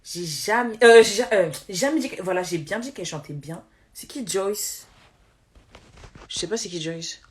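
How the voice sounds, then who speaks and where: A woman on a live stream, ranting in a heated casual way, talking fast with slang and many restarts, irritated. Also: mid-range voice, lively intonation, a little hiss or hum.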